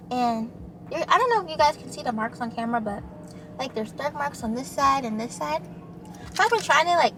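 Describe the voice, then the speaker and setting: High-voiced young woman chatting while eating. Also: a little hiss or hum. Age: young adult. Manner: casual, chatty, lots of fillers. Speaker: vlogger. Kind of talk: casual mukbang chat.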